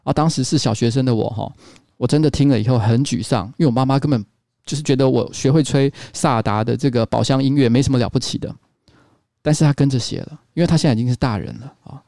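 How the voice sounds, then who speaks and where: A man hosting an online radio show, telling stories in a playful, animated way. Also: mid-range voice, quick pace, no echo, studio quality. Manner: playful, animated storytelling with laughs. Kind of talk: casual storytelling chat.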